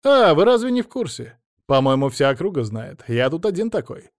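A man's voice: fairly high pitch, very animated, fairly quick, no room sound, studio quality, pitched above the performer's own voice. A male reader voicing a brash, cocky young man who talks back defiantly. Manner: defiant, mocking, insistent.

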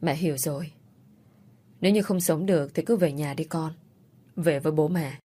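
A woman's voice: deep voice, moderate pace, mellow, breathy edge. A woman voicing a worried, tender middle-aged mother who soothes her daughter over the phone. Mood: gentle worried. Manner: soothing, coaxing.

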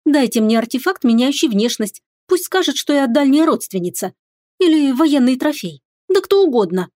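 A woman reading an audiobook, voicing a proud, sharp-tongued young witch heroine who talks in a defiant, mocking way. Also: high-pitched, sing-song, normal speed, no room sound, clean studio sound, voice pushed up. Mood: indignant.

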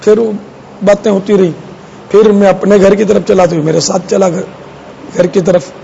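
A man's voice: high-pitched, little pitch movement, creaky, dark tone, dull audio, a little hiss or hum. A man preaching in a conversational storytelling style, addressing his audience. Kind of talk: sermon storytelling.

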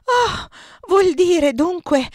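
A woman's voice: moderate pace, no echo, clean studio sound, natural voice. Woman playing a breathless, pleading young girl. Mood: overwhelmed. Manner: breathless, pleading, higher and louder voice. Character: young excitable girl, earnest and emotional.

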